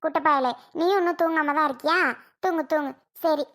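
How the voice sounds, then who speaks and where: A woman voicing a soft-hearted village mother and aunt who coaxes the children, in a cartoon. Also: sits high, fairly even intonation, brisk. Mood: coaxing. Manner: coaxing, soothing. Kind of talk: cartoon voice acting.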